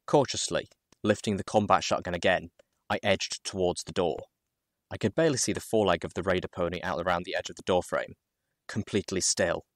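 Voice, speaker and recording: In a low voice, a man tells a story in the first person, dramatic and measured, pausing deliberately between phrases. The recording is dry, with almost no room sound and no echo.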